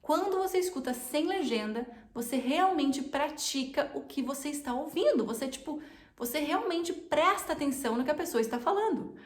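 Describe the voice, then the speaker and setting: Brazilian woman teacher, chatty and repetitive, kinda high voice, echoey room. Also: expressive, moderate pace. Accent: Brazilian Portuguese. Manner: chatty, repeats points for emphasis. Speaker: English teacher. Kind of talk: casual online lesson.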